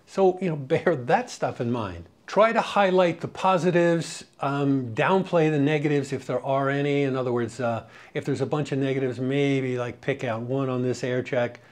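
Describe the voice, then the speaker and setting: This middle-aged or older man speaks in a mid-range voice at normal speed, pausing little. As a radio programming coach, he gives a loose, wandering spoken lesson, chatty and peppered with "you know" and stories.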